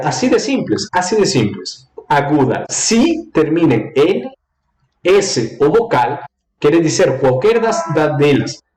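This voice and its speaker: Animated male Spanish teacher, echoey room. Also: a little high, a little hiss or hum. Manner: lively, repeats rules in a singsong way, mixes Portuguese and Spanish. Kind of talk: live online language lesson.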